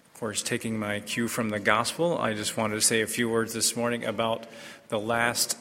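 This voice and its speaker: A man serving as a priest, reading the gospel and preaching a homily in a measured, unhurried way with the odd filler and restart, heard in the long reverb of a large church. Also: on the low side, flat delivery, pushed and bright, a little hiss or hum.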